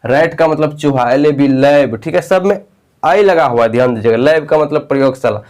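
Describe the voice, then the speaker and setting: A man's voice: fairly high pitch, normal speed, a little mellow. A man teaching English spelling and pronunciation to learners, repeating words and spelling them out letter by letter. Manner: addresses viewers directly with frequent "okay".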